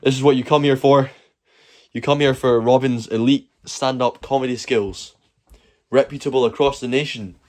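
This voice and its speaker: A man's voice: mid-range voice, steady tone, moderate pace, a little mellow. A Scottish man chatting casually on a livestream, rambling along with jokey mock-boasting. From Scotland. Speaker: live streamer. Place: at home, moving between outdoors and indoors.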